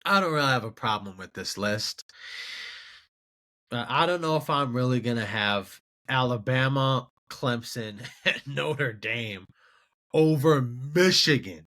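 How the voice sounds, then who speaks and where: A man's voice: mid-range voice, unhurried, pushed and bright. A man hosting a casual sports commentary show, rambling and incredulous as he talks to himself. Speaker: show host.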